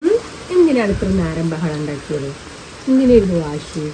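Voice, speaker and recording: A young adult woman, a mother vlogging with her little daughter, coaxing and teasing her with questions, then dropping to quieter asides for viewers. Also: on the low side, sing-song, moderate pace, over music, low-quality recording. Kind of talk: casual family vlog chat.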